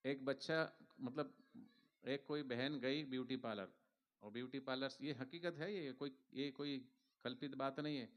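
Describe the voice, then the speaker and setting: A man's voice: medium pitch, measured pace, lo-fi sound. A man, a spiritual teacher, giving a devotional sermon to a gathering in a preachy, playful way, acting out little stories and leading the crowd in chants. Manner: preachy, playful, acts out anecdotes and leads chanting. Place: large outdoor religious gathering.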